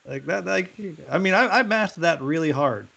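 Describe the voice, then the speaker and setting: Gravelly man joking through a board game. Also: fairly high pitch, expressive, normal speed, sharp tone. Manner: joking, counts moves aloud. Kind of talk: casual game-night chat.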